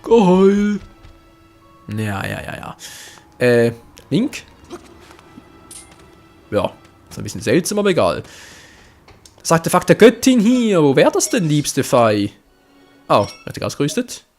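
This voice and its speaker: A young man giving let's play commentary, his voice lively and leaping up and down in pitch as he reacts. He is excitable, swears often and keeps talking to his viewers. Faint game music plays behind him. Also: slow, long pauses.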